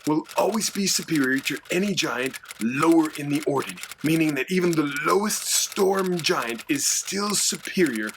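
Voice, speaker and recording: A man voicing a mock-menacing male dragon sidekick who explains monster lore in a hushed, lecturing way. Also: a little high, gravelly, background noise. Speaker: co-host.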